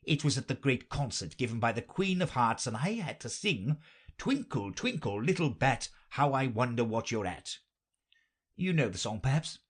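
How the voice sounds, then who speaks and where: A rambling, theatrical hatmaker with a mournful streak, as a man narrator acts him out. His pitch bounces all over, and the voice has a husky grain. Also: sing-song, fairly quick, hardly any pauses. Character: odd, mournful grown male hatmaker.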